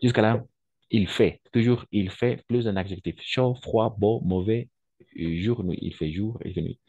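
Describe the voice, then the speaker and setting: A man's voice: lowish voice, unhurried, mellow, slightly rough, no room sound, highs cut off. A man teaching a French lesson online, patiently repeating examples and often checking that his students follow.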